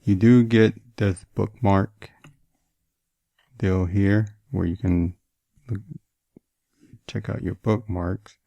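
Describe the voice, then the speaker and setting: Deep-voiced man lisping slightly with braces. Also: steady tone, slow, creaky, pauses often, dark tone, no room sound, dull audio. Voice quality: slight lisp and slurred speech from wearing braces. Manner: talks through steps as they are done. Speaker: tech reviewer and host. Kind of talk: casual gadget demonstration.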